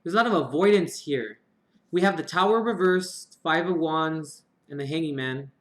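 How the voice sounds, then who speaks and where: A man's voice: fairly high pitch, moderate pace. A man giving a casual live-stream tarot reading, chatty and swearing now and then. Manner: chatty, swears casually, murmured prayers to draw cards. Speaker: tarot reader. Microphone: live-stream mic. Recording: echoey room.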